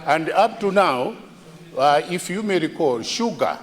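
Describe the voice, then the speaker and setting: A man with a Malawian accent putting a question as a member of parliament, halting and persistent. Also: a little high, expressive. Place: large indoor parliamentary chamber. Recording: reverberant hall with crowd murmur.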